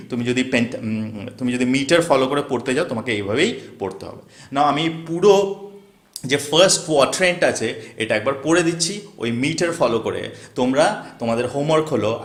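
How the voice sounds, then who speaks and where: A man's voice: mid-range voice, a bit bright, echoey room. A male teacher, lecturing step by step and chanting lines with heavy stress. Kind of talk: classroom lecture on poetry meter.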